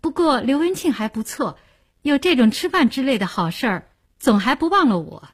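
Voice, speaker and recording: A woman's voice: high voice, lively intonation, normal speed, breathy edge, voice pushed up. A woman doing a cool, half-mocking young woman.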